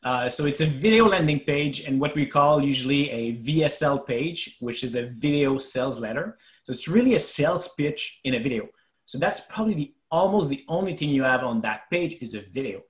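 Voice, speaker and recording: A man's voice: medium pitch, lively intonation, a little fast, echoey room. A man with a French Canadian accent presenting web development tips in a webinar, explaining with frequent fillers. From Quebec, Canada.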